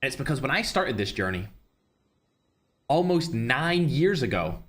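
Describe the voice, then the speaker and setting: A young man talks through a live tournament stream in a lively, animated way, his voice bright and forceful. He chats casually, thanking viewers and weighing up the teams between games. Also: mid-range voice, a little slow. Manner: casual, chatty, shouts out viewers. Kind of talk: live-stream commentary and chat.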